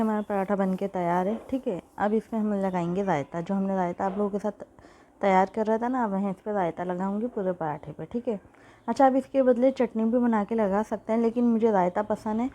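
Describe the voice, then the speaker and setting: A woman with a mellow, darker voice talks through a cooking lesson in her home kitchen, recorded on a phone. Her throat is sore. She keeps up a chatty tone, often checking in with "theek hai.". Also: medium pitch, a little hiss or hum. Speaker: cooking channel host. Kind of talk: casual cooking tutorial.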